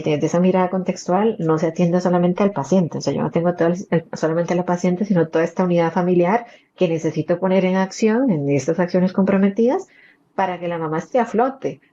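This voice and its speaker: A woman's voice: lowish voice, dark tone. Psychologist guest, woman, Costa Rican accent, earnest and explanatory, lo-fi dull recording. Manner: explanatory, earnest, uses many fillers. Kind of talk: podcast interview. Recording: dull lo-fi audio.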